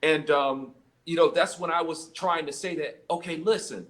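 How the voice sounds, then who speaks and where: An American man with a somewhat high voice talks as an interview guest. He gives conversational commentary in a halting way, doubling words as he begins his phrases. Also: fairly bright tone.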